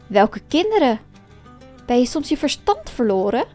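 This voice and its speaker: A blunt old peasant farmer from a folk tale , voiced by a woman storyteller. He speaks plainly, a touch lower than the narration, which still sits high. Faint music plays underneath. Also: sing-song, normal speed, warm tone.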